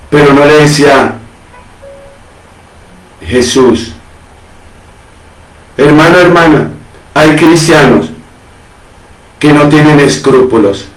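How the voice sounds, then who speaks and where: A man's voice: fairly high pitch, recorded from a distance. Impassioned male pastor in an echoey room. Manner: impassioned preaching, repeatedly addressing "hermano, hermana". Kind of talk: sermon.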